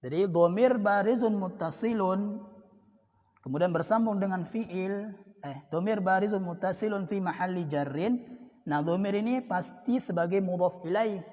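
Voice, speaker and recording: A man with an Indonesian accent teaching an Arabic grammar lesson, repeating each example word slowly. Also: high voice, darkish tone. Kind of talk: classroom lesson. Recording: dull sound with long reverb.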